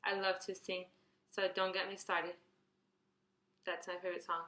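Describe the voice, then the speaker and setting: A woman's voice: fairly low pitch, flat delivery, normal speed, reverberant. A 21-year-old woman chatting casually through a question tag video, reading each question out and rambling through her answers. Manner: chatty, rambling, restarts and fillers, reads questions out brightly. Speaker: beauty vlogger.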